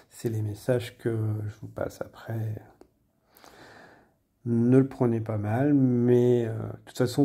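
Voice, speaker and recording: A man working as a medium, giving a spontaneous general reading, hesitant with many fillers and pauses, sometimes dropping to a near-whisper. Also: on the low side, creaky, warm tone, slightly rough. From France. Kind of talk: spontaneous spoken guidance.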